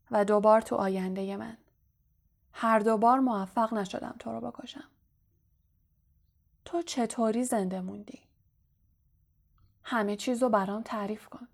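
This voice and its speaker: A scornful young villain from a storybook reading, as a woman narrator puts him on, taunting and coldly amused. The voice sits somewhat high, and the threats come out quiet and measured. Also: gravelly. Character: young male villain, mocking and menacing. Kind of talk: audiobook character reading.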